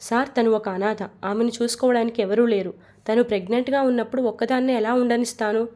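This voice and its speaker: A woman's voice: a little high, fairly even intonation, quick pace, dark tone, lightly acted. A woman voicing a stubborn, hot-tempered young husband who firmly insists on his demands in a storybook reading. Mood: insistent. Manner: insistent, firm.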